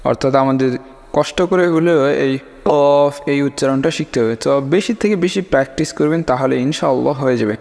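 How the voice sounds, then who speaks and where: A man's voice: mid-range voice, moderate pace, creaky, darkish tone, big-room sound. A man teaching Arabic letter sounds, saying each letter twice and often checking in with his listeners. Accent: Bangladeshi Bengali. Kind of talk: slow step-by-step pronunciation lesson.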